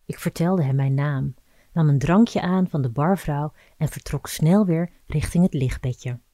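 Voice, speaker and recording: A woman reads an erotic story in a slow, intimate, measured way. Her voice sits low and sounds warm and dark. The recording is dry, with no room sound. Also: no echo. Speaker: narrator. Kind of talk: scripted erotic story reading.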